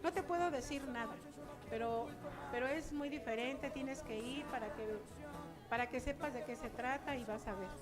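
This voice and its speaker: High-voiced older woman telling her story. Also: moderate pace, over music. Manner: chatty, acts out remembered dialogue. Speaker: church member giving testimony. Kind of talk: personal testimony to a congregation.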